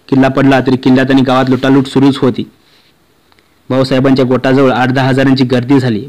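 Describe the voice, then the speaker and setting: Monotone man reading a novel aloud. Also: medium pitch, rough recording. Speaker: audiobook reader.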